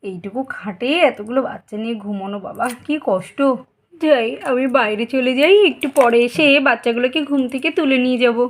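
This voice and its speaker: A woman's voice: a little high, a little fast, natural voice. A woman voicing a tired mother in a doll cartoon, sighing wearily about chores. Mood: weary. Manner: weary, sighing. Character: tired busy mother of many children.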